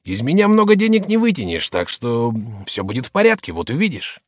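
A man's voice: mid-range voice, wildly swooping pitch, brisk, no room sound, clean studio sound. A man reading an audiobook, voicing a middle-aged shopkeeper who wheedles and then bullies his wife. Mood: placating. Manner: gruff, by turns placating and bullying. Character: rough, boastful male shopkeeper, middle-aged, blustering.

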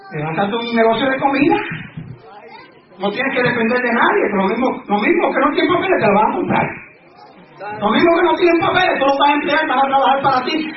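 A man preaching a fervent sermon as pastor, asking rhetorical questions and shouting out exclamations. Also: very high voice. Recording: echoey, distant, dull sound with a crowd.

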